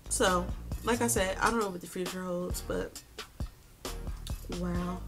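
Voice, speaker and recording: Over music, a young vlogger gives a casual life update, chatty and filler-heavy with many "like"s, and tearful at times. Her voice is fairly low-pitched and steady in tone, and she speaks unhurriedly.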